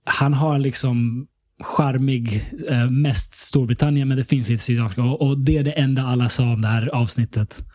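A male podcast host with a mid-pitched voice, talking loosely and conversationally. He peppers his talk with casual fillers and keeps the mood easygoing. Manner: relaxed, chatty, leans on the filler "liksom".

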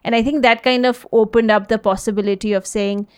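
A woman in her thirties, raised in India and the US, answering interview questions in a relaxed, thoughtful way with many fillers and restarts. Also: fairly high pitch, brisk, clear, resonant tone. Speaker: interview guest, social enterprise CEO. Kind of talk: casual interview conversation.

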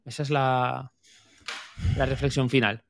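A man's voice: medium pitch, flat delivery, a little slow, creaky. A man from Spain co-hosting a podcast, talking in a frank, colloquial, casual way. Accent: Spain Spanish. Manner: colloquial, frank, says "tío" and "coño". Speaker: podcast co-host. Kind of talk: casual chat.

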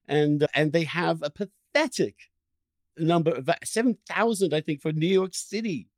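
A fairly high-pitched man hosts a podcast interview at a moderate pace, recorded dry in a clean studio. His impassioned, conversational delivery stresses points emphatically, repeating words and stacking phrases.

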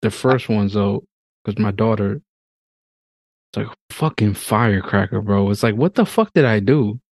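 Laid-back low-voiced man, profane banter. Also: moderate pace, a little mellow, no echo. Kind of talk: casual chat.

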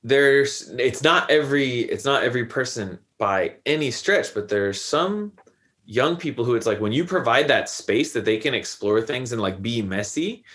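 A man's voice: mid-range voice, animated, moderate pace, fairly bright tone. A man in his thirties, a podcast guest, talking reflectively in a loose, rambling way full of fillers. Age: 30s. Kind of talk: casual conversation.

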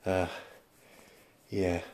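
A man's voice: low voice, flat delivery, extremely slow, noisy background. A man hosting a podcast, answering listener messages in a hesitant, self-deprecating way, with many fillers. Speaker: podcast host. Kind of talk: podcast chat replying to listeners.

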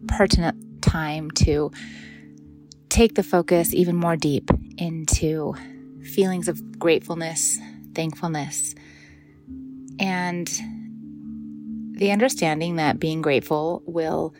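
A middle-aged woman gently leading a guided meditation in a soft, soothing voice that often drops into a breathy near-whisper. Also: sits low, steady tone, slow, long pauses, over music. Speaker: meditation guide and yoga teacher.

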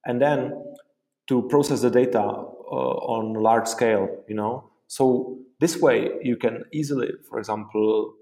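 A man's voice: medium pitch, a little mellow. Czech-accented man explaining, roomy echo. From Czech Republic. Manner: explanatory, frequent fillers like "you know" and "uh". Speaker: guest, software company co-founder. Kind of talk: interview answers.

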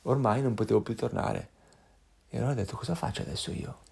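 A man telling his child a story from his own life, acting out sounds and voices with lively energy. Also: medium pitch, quick pace, gravelly, slightly rough. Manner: animated, acts out voices and sounds.

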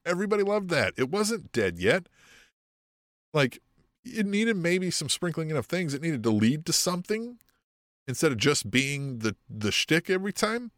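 A man's voice: medium pitch, a bit bright, dry recording, clean studio sound. A man hosting a podcast in casual, profane, rambling chat with a sardonic edge. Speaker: podcast host.

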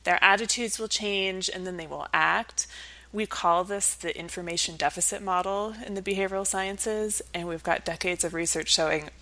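A woman with a lowish, sharp-toned voice appears as an academic researcher on a podcast, explaining things reflectively and conversationally at normal speed. The recording quality is low.

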